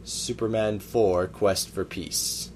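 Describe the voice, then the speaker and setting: Man, low voice, casual podcast chat, rambling, many fillers, faint background noise. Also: fairly even intonation, slow pace, darkish tone. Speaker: podcast co-host. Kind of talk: casual chat about movies.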